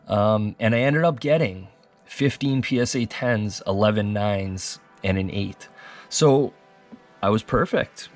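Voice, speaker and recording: A man hosting a casual card-review vlog, chatting with viewers in a relaxed way with a radio-like voice. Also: lowish voice. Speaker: sports card collector and channel host.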